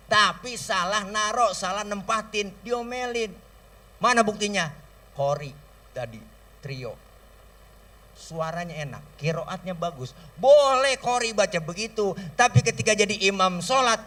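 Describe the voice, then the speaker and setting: A man with a Betawi accent giving a comic sermon from a stage, telling stories lively and mimicking sounds and voices. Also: high voice, recorded from a distance. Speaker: preacher. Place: stage at an outdoor school celebration. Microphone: stage microphone through a sound system.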